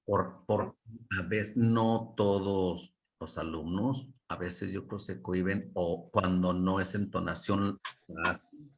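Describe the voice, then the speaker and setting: A man's voice: sits low, steady tone, slow. Man teaching English by video call. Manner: coaching, mixes Spanish and English, models intonation. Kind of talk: online class feedback.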